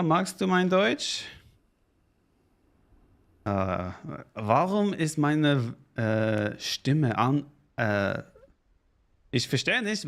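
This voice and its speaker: Guy streaming a strategy game, slow halting talk, keeps correcting himself, jokey with chat. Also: a little high, fairly bright tone. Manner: halting learner's German with self-corrections; joking, chatting to viewers and thanking subscribers. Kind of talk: casual live-stream gaming chat.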